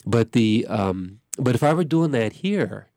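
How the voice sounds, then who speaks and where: A man's voice: mid-range voice, expressive, a little slow, darkish tone, no echo, studio quality. A congested man, a pastor hosting a radio show, talking in a rambling way that keeps breaking off and restarting. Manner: rambling, self-interrupting. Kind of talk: casual radio chat. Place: radio studio.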